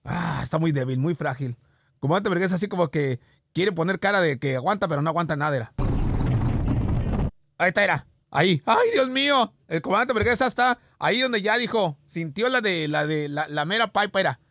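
A man playing a raspy high-voiced boastful Spartan god. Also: expressive, fairly quick. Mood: mocking. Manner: theatrical, teasing, exclaiming. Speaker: radio show host character. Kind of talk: mocking video reaction commentary. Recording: noisy background hiss.

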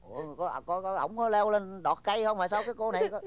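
An older man with a Southern Vietnamese accent playing a boastful, stubborn village father in a comedy film, exclaiming loudly. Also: high-pitched, fast talker. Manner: blustery, exclaims loudly, lively swings. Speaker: film actor.

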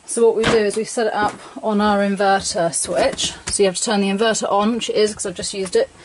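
A woman giving a relaxed, chatty tour of her sailboat, filling gaps with ums. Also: mid-range voice, quick pace. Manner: chatty, relaxed, lots of ums and "bits and bobs". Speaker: boat owner giving a tour. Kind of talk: casual explanation. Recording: handheld camera with clear background noise.

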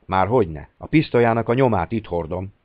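A man's voice: on the low side, animated, dry recording, highs cut off. A man voicing a furious, sneering Italian secretary in an audiobook, accusing and hectoring.

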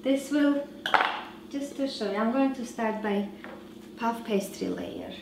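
A woman in her thirties hosting a home cooking show, giving slow, relaxed instructions with frequent fillers while she works. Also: a little high, roomy sound, heavy background noise. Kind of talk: cooking demonstration. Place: large home kitchen.

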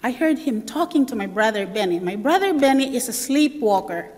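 A woman elder preaching a sermon, telling a childhood story with lively acted-out family voices. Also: on the high side, fairly quick. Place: church sanctuary. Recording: long church reverb.

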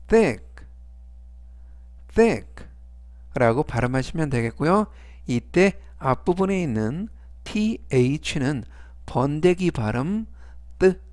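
A man with a slightly high voice leads an unhurried vocabulary lesson. He says each English word three times and takes his time over the example sentences. The recording is dry and close, with no room sound. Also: darkish tone, dry recording. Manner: spells out English words slowly and repeats them three times; polite formal endings in every sentence. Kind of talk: slow step-by-step vocabulary lesson.

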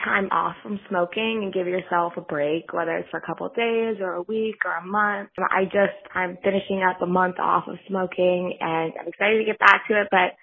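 Woman listener, voice message played back, husky and phone-thin, rambling casual question. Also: on the low side, fairly even intonation, moderate pace, hardly any pauses. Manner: rambling, with fillers and self-corrections. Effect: voice message played back on the show. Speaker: podcast listener leaving a question. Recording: tinny phone-quality voice message.

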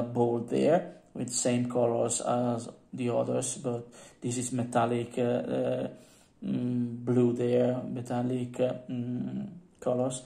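A man showing off his painted figurines in a casual vlog, talking haltingly with many fillers and playful asides, filmed at his home hobby desk. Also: mid-range voice, gravelly, dark tone. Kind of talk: casual show-and-tell vlog.

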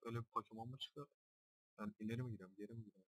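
A young man casually commenting on his own gameplay, swearing constantly and jumping between low mutters and loud shouts. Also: steady tone, racing, rough recording.

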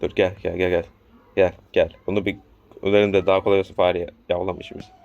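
A man's voice: sits low, level tone, fast, a little mellow, muffled recording, a little hiss or hum. A young man casually commenting on a horror game as he plays, urging the characters on and scolding the enemy. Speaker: gameplay commentator. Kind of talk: casual let's-play commentary.

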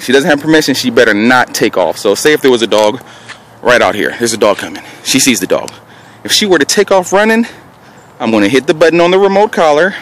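A man filming himself in an open park, narrating dog training in a casual instructional way and calling out short, firm commands. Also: medium pitch. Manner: calls out short firm commands between explanations. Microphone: handheld camera held by the speaker. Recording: noisy outdoor handheld camera audio. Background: outdoor ambient noise.

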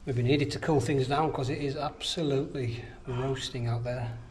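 A middle-aged man talks through his bike ride in a relaxed, rambling way, full of ums. He is recorded outdoors on a camera mic, with faint background noise behind him. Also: medium pitch, moderate pace. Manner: relaxed, many fillers. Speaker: bikepacking vlogger. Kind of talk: casual travel narration. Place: outdoors on canal towpath.

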